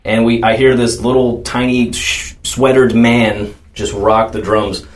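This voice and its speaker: A man from North Carolina who fronts a metal band, telling stories in a relaxed, joking way during a casual interview. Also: mid-range voice, unhurried. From Charlotte, North Carolina. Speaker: band singer and guitarist.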